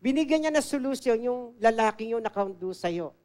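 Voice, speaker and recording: A woman preaching a sermon as an assistant pastor. She tells stories in a conversational way, drops English phrases into her talk, and often moves between loud and soft. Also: fairly high pitch, lively intonation, brisk, smooth. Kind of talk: storytelling sermon.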